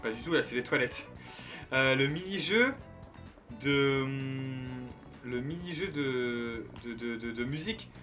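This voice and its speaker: Here the same young French streamer talks slowly, his mid-pitched voice pushed and bright. He keeps up loose, joking commentary for his chat while playing, restarting often as soft game music plays underneath.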